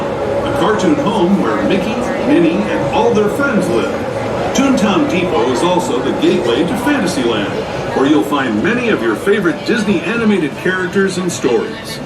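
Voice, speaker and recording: A man's voice: high voice, very noisy. A man playing a friendly railroad tour guide, narrating a scripted theme-park ride in a folksy storytelling way. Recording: distant train speaker under loud music.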